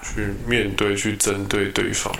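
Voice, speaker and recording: A man co-hosting a casual chat podcast, speaking calmly in brief interjections and telling the host to calm down. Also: on the low side, a little slow, creaky, crowd noise. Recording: echoey room.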